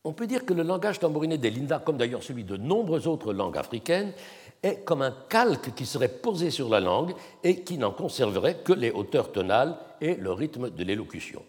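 A man giving an academic lecture at a symposium, measured and explanatory, sometimes sounding out tones with his voice. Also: medium pitch, big pitch swings, a little mellow. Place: lecture hall. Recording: long reverb in a hall.

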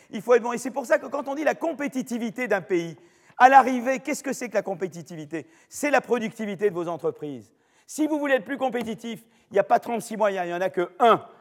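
Older french guy lecturing, kinda high voice, rambly with lots of euh, big echoey lecture hall. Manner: chatty, digressive, many fillers and restarts. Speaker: professor lecturing. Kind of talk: university lecture. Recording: long reverb of a lecture hall.

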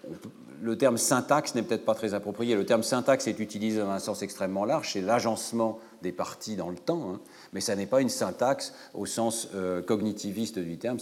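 Lecturer, man, low-ish voice, hesitant explanatory delivery, long hall reverb. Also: a little mellow. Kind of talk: academic lecture.

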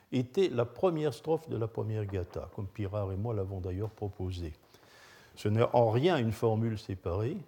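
A man's voice: mid-range voice, warm tone, slightly rough. An older man lecturing to an audience in French, hesitant, with frequent filler sounds. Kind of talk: academic lecture.

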